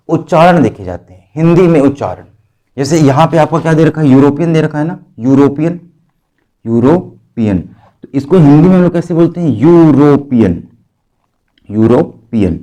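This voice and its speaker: Mellow-voiced male tutor quizzing students. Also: medium pitch. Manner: quizzes students with rhetorical questions, spells words letter by letter. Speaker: teacher. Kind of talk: exam-prep grammar lesson.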